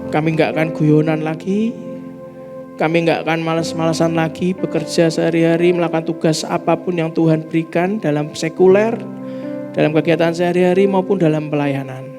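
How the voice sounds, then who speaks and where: A man's voice: on the high side, steady tone, a little fast. A man leading a congregation in earnest, fervent prayer during a church service. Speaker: worship leader. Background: instrumental worship music.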